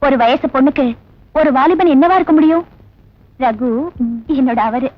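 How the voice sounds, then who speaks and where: A woman's voice: high voice, moderate pace, close to an everyday voice. An actress playing an earnest young stenographer who defends the man she loves. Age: young adult. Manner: earnest, sincere. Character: earnest young woman in love, loyal. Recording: dull old film soundtrack with music. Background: background music.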